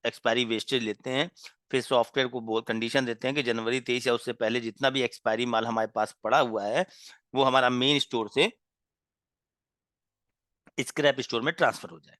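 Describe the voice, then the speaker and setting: Bright, dry-voiced male trainer. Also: mid-range voice, no echo. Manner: explains slowly, with frequent "ठीक है" check-ins and asides; pauses to clear his throat and apologize. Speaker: software trainer. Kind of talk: classroom-style lecture.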